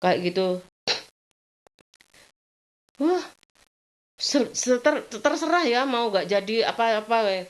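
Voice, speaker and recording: Middle-aged woman, home vlog, rambling and venting, swings between high complaints and low mutters. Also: lively intonation, measured pace. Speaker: vlogger. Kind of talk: casual chat.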